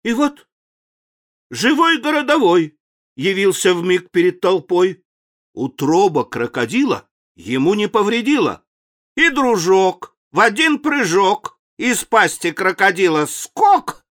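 A man narrating a children's poem in steady, rhythmic verse. His voice is high and bright, and he takes his time, leaning into every beat. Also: unhurried. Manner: rhythmic, expressive verse reading. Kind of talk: reading a children's poem aloud.

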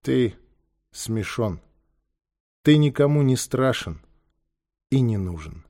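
A man's voice: mid-range voice, lively intonation, slow, warm tone. A man voicing a stern, commanding boy leader in a storybook reading. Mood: cold, stern. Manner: firm, cold commands.

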